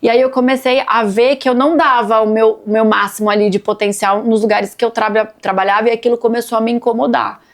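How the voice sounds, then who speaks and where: A woman's voice: fairly high pitch, fairly even intonation, fast, few pauses. A Brazilian woman in her thirties, a physician and business owner, talking casually on a podcast and acting out family quotes as she tells stories. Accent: Brazilian Portuguese.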